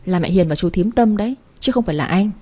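A woman's voice: medium pitch, animated, quick pace, a little mellow, close to an everyday voice. A woman reading the part of a stern, cold husband in a spoken story, with a firm manner. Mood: disappointed. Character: stern husband, adult man.

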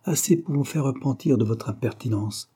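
A man reading as a haughty, threatening gentleman. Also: mid-range voice, normal speed, slightly rough. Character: haughty, furious middle-aged gentleman with a cane.

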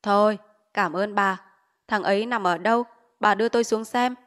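A harsh old village official barks curt orders in an audiobook, voiced by a woman narrator. His words come short and loud, and he leaves no room for argument. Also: medium pitch, moderate pace, lightly acted. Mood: stern. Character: stern old male village official, commanding. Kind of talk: audiobook character voice.

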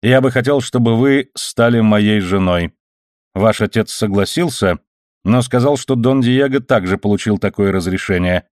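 A man's voice: lowish voice, normal speed, darkish tone, no room sound, clean studio sound, natural voice. A man reading the part of an arrogant army captain who courts a young lady in a smug, ingratiating, mocking way. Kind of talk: audiobook character reading.

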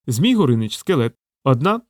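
A man's voice: mid-range voice, very animated, normal speed, no room sound. Man narrating an audiobook, dry close sound. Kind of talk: scripted narration.

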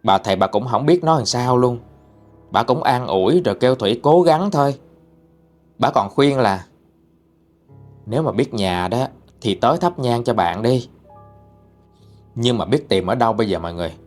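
A man's voice: medium pitch, expressive, moderate pace, long pauses, darkish tone, faint music behind. Chatty Southern Vietnamese male storyteller. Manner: chatty, addresses listeners directly. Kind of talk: casual ghost-story narration.

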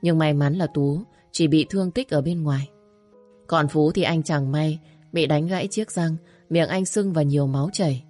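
A woman with a low, deep voice reads a dramatic story in a steady, scripted manner. Faint music plays softly beneath her narration. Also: normal speed.

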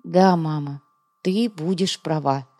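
A woman doing a meek squeaky male scientist. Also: animated, unhurried. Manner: meek, mumbling, squeaky when indignant. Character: timid male astronomer, meek grown son.

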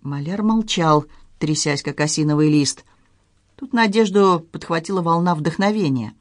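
An audiobook reader narrating a detective story in a measured, even manner. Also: mid-range voice, no room sound, clean studio sound.

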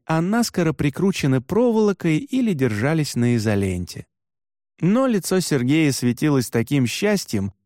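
A man narrating a first-person travel story as an audiobook, calm and storytelling, with expressive intonation, on a close studio mic. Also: a little high, no echo.

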